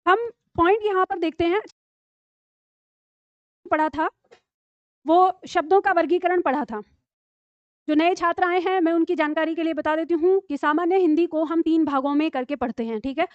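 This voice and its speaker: A woman's voice: very high-pitched, moderate pace, pauses often, no room sound, dull audio. A woman teacher giving a live classroom lecture, patiently explaining spelling tricks and asking her students questions. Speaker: Hindi teacher.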